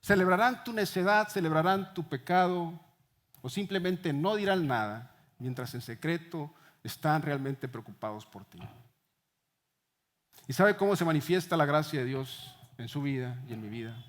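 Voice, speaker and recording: A man preaches a sermon in a fairly high voice. He swings from fiery, raised lines to sudden hushed ones, leaning on each word for emphasis. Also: animated, normal speed. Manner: impassioned preaching with sudden drops to hushed tones. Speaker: pastor.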